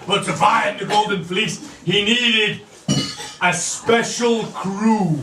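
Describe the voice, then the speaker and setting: A man playing a camp, bawdy Roman wine god, telling stories in a shrill pantomime dame manner with theatrical mock-lecturing and crude asides. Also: takes it slowly, over music. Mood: excitable, bawdy. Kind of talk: live comic pantomime monologue. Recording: echoey, distant live stage recording, noisy audience. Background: loud laughing audience.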